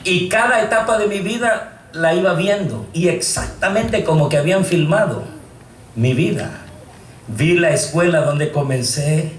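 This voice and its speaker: A man's voice: fairly high pitch, a little slow. A man from El Salvador giving an earnest, emotional testimony in church, often calling his listeners brothers. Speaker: testimony speaker. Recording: roomy echo, distant mic, faint noise.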